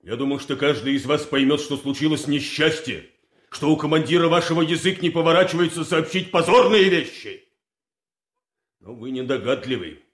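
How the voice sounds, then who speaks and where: An actor playing a stern, bitterly sarcastic army colonel in a period military drama, declaiming orders deliberately with heavy pauses. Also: male voice, a little high, fairly bright tone, lightly acted. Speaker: commanding officer. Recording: echoey hall.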